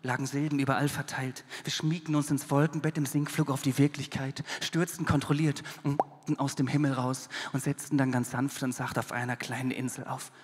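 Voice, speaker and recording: A man performing a rhymed poetry slam on a concert hall stage, dramatic, swinging from hushed to loud. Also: mid-range voice, level tone, brisk, husky. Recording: long concert-hall reverb.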